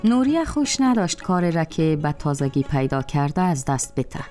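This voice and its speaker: A woman giving slow scripted narration. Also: sits low, big pitch swings, mellow, soft background music.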